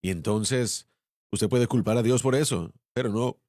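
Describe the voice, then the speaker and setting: A man, an associate pastor on a ministry panel, explaining calmly. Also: medium pitch, unhurried, dry recording, clean studio sound.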